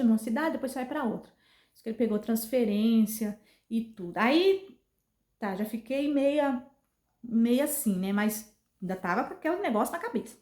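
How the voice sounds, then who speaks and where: A woman's voice: fairly high pitch, dark tone. A woman with a Brazilian accent telling a personal story in a casual vlog, earnest and given to repeating herself. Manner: earnest, repetitive retelling. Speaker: vlogger. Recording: roomy echo.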